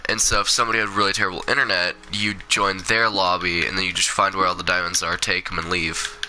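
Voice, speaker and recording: Sick-sounding male streamer, sharp voice. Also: low voice, little pitch movement, fast talker, slight background noise. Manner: rambling, swears, talks back to the game. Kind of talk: casual gameplay commentary.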